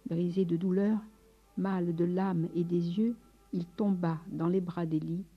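A woman narrating a story aloud in a measured, expressive manner. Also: fairly low pitch, husky. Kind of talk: audiobook narration. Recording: dull lo-fi recording. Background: faint music.

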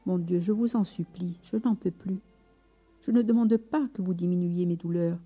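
A woman's voice: lowish voice, moderate pace, breathy edge. A woman voicing a sick, humble male friar who prays devoutly and recites solemn praise. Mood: anguished prayer. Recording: slightly dull recording with soft music.

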